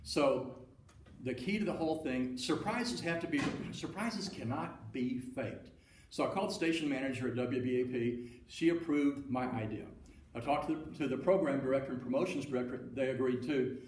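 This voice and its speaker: A man's voice: mid-range voice, moderate pace, darkish tone. Guy telling a story at a seminar, echoey room, mic kinda far. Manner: folksy, anecdotal, acts out quoted dialogue. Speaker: seminar speaker. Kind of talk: storytelling talk to an audience. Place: meeting room with audience. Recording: roomy room, speaker far from mic, faint noise.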